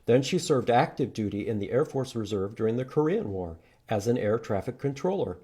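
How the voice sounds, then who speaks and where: At a library children's storytime, a male host reads aloud and teaches letters in short, simple, sing-song phrases for young listeners. His medium-pitched voice is dark and a bit breathy, with lively intonation and a slightly fast pace.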